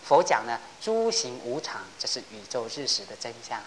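Animated woman giving a dharma talk. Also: a bass voice, normal speed, a little hiss or hum, poor audio. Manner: animated, rhetorical questions. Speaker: Buddhist dharma teacher. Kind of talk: sermon with storytelling.

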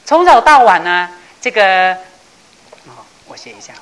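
A woman giving a Buddhist dharma talk, telling a parable with laughs and slowing down to stress key phrases. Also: fairly high pitch, low-quality recording. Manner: animated storytelling with laughs, acting out characters. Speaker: Buddhist teacher.

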